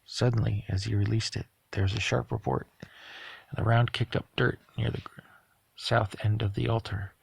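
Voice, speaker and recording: A man narrating a novel aloud at a steady pace, sometimes stumbling over a word and correcting himself. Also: fairly low pitch, normal speed, creaky, slightly rough, no room sound. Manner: steady reading with occasional stumbles and self-corrections. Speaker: audiobook reader. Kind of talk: audiobook narration.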